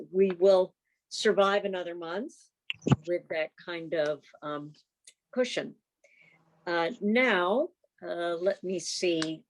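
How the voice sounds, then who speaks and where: Over a video call, a fairly low-pitched woman runs a casual club meeting, reading out reports and chatting in a halting manner. The recording is rough.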